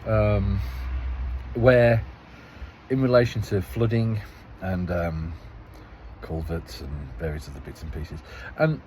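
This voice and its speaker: A man with a fairly low voice gives a casual, rambling account as a local parish councillor, often repeating and restarting his phrases. He tells it with a note of exasperation. He is recorded outdoors in a town, with faint traffic in the background. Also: fairly even intonation, takes it slowly, a little mellow, low-quality recording.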